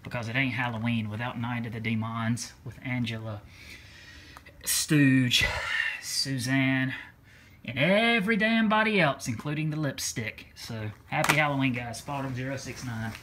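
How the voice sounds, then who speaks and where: A man talks loosely to his camera at home, rambling, cursing and perking up with delight as he opens things. Loud crinkling paper and clicks sit clearly behind his voice. His pitch sits in an ordinary middle range. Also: unhurried, a little hiss or hum. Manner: rambling, swears freely, excitable. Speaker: vlogger unboxing a gift. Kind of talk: casual unboxing chat. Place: home room.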